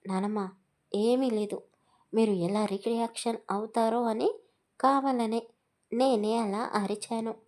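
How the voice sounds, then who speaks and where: A woman's voice: a little high, steady tone, takes it slowly, long pauses, a little mellow. A woman reading a sly, teasing young husband. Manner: sly, with forced politeness. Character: teasing, mischievous young man, a new husband.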